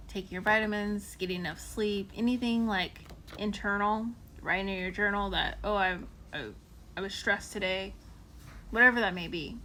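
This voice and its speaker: A young woman livestreams casually while chewing candy, explaining a skincare tracker and saying hello to viewers by name. She's a waxing specialist, and her delivery rambles loosely with frequent ums and likes. Her mid-range voice has a fairly bright tone, with slight background noise.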